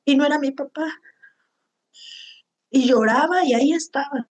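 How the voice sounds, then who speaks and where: A woman's voice: sits high, normal speed, a little mellow. A woman giving heartfelt Bible teaching to a women's group, often asking "¿verdad?". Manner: heartfelt, tags lines with "¿verdad?".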